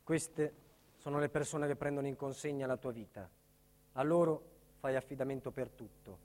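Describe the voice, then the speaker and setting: A male stage actor and narrator plays an embittered protected witness recounting a life in hiding, in a dramatic first-person theatre monologue. His medium-pitched, steady, slightly mellow natural voice carries a somber, haunted mood with solemn, intense, deliberate phrasing.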